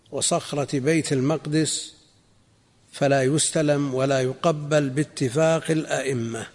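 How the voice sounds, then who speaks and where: A male scholar explains a religious text, slow and deliberate, and repeats phrases so they sink in. His voice is a little high and gravelly. The archival lecture recording carries a long, hall-like reverb. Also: a little mellow. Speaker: Islamic scholar teaching a text.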